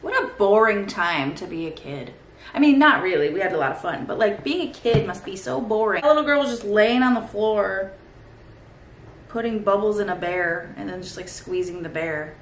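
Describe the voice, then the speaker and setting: A woman in her thirties chats casually with a sardonic, sweary, rambling manner. Her voice sits at a middle pitch. The room echoes and there is faint background noise. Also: normal speed. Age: 30s. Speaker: host reacting to old toy commercials. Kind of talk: casual comedic commentary.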